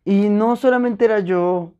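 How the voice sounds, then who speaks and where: A young woman with a Mexican accent and a soft, mellow tone. She tells stories in lively, slangy chat and slips into other people's voices to act out their lines. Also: medium pitch, a little slow, lo-fi sound. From Puebla, Mexico. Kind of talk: casual chat, storytelling.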